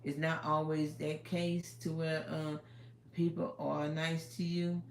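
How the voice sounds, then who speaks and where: A woman's voice: deep voice, flat delivery, takes it slowly, reverberant, slight background noise. A woman in her fifties chatting casually on a livestream, rambling and giving life advice, talking into her phone. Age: 50s. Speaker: livestream host.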